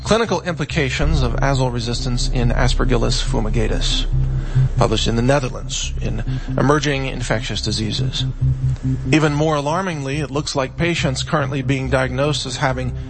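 A man narrating a scripted documentary in the grave, formal, measured manner of a news anchor. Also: mid-range voice, creaky, over loud music, rough recording. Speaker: documentary host.

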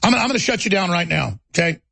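A man hosting talk radio with a very gravelly, raspy voice, ranting and pitching products in an emphatic, boastful, combative way. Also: sing-song, fast talker, pushed and bright, slight background noise. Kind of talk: unscripted radio rant and sales pitch.

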